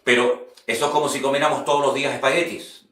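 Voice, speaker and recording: Earnest preacher in an echoey room. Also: male voice, mid-range voice, level tone, quick pace, a bit bright, far from the mic. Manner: earnest, repeats phrases for emphasis. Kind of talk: teaching talk on preaching. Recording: roomy echo, speaker set back from the mic.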